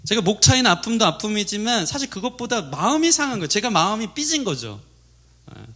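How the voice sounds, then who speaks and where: Male pastor, thirties, bright, sharp tone, animated sermon storytelling. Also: sits high, fast. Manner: storytelling with acted quotes and laughter.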